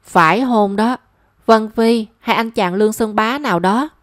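A woman's voice: a little high, measured pace, no room sound, studio quality, natural voice. A woman voicing a kindly old grandmother who teases her granddaughter. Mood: teasing.

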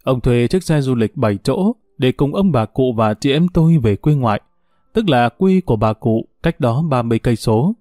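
Mellow male storyteller. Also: medium pitch, dry recording, clean studio sound. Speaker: narrator. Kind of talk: storytelling narration.

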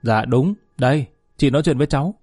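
A gruff, fatherly police colonel, as a man puts him on in a read-aloud story. He scolds briskly with a mellow, warm voice. The sound is dry and close. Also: medium pitch, no room sound, soft background music, lightly acted.

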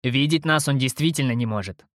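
A man voicing smug, eerie otherworldly beings who speak calmly and lazily with a mocking edge. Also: medium pitch, brisk, dry recording, clean studio sound, lightly acted. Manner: calm, lazy, mocking.

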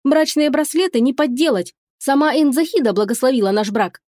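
A woman's voice: high-pitched, expressive, fairly quick, no echo, clean studio sound, voice pushed up. A woman voicing a feisty, theatrical young princess who exclaims and plays at tears, in an audiobook. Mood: indignant. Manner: loud, exclaiming, mock-tearful. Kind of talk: audiobook character reading.

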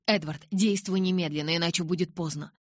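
A woman voicing a composed male doctor in an audiobook, speaking in a calm, commanding way with a husky voice. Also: fairly low pitch, a little fast, no room sound, studio quality, close to an everyday voice. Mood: urgent. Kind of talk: audiobook narration.

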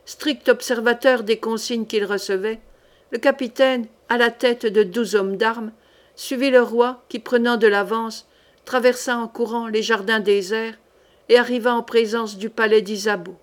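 A woman reading a historical novel aloud, with measured, dramatic narration. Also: a little high, steady tone. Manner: measured dramatic narration, voices the characters lightly. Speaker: audiobook reader.

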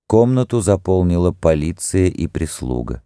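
Low dark-voiced male audiobook narrator. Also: big pitch swings, moderate pace, smooth, dry recording, studio quality. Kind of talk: scripted narration.

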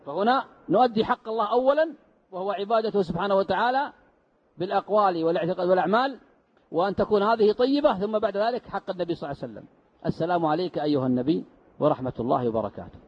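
A man's voice: high voice, expressive, rapid-fire, breathy edge. A man teaching a mosque lesson, explaining step by step and answering his own rhetorical questions. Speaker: sheikh teaching Quran commentary. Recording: dull lo-fi lesson recording.

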